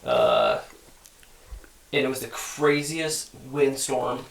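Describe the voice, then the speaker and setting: Rambly guy telling a story, gravelly, kinda far off the mic in an echoey room. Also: mid-range voice, slow. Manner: animated, rambling with restarts. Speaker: guest hunter. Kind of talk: casual storytelling.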